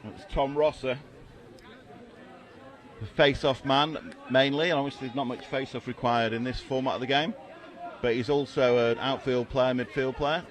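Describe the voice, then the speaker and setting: A man's voice: mid-range voice, steady tone, normal speed. An English man giving live color commentary on a match, chatty with dry, self-mocking humor. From England.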